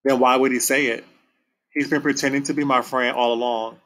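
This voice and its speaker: A man reading aloud and voicing a sullen, hurt ten-year-old boy who answers in low, bitter words. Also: steady tone, a little fast, a bit bright, close to an everyday voice.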